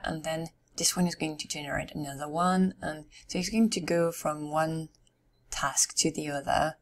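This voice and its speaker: A woman giving casual game commentary, musing aloud to herself in a somewhat hoarse voice, as if losing it. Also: deep voice. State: losing her voice. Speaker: gamer narrating her game. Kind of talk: casual let's-play commentary.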